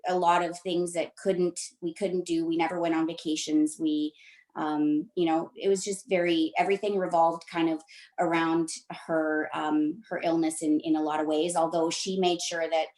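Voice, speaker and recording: A middle-aged woman from Romania, a podcast guest telling her story in a reflective, measured way. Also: low voice, little pitch movement, a little mellow, roomy sound. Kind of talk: interview conversation.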